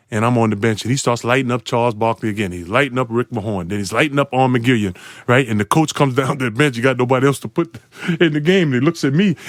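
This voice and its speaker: A man in his forties tells a lively, playful story as a podcast guest. He breaks into laughter often and leaps up into high, excited voices at the peaks. His voice sits at an ordinary pitch and is recorded dry and close, with no room around it. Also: no echo. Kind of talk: animated storytelling.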